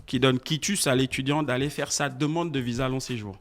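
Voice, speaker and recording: A man representing an education agency, calmly explaining procedures in a radio interview with frequent hesitations. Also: mid-range voice. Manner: measured, explanatory, hesitant fillers. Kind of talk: informative interview answers. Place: radio studio.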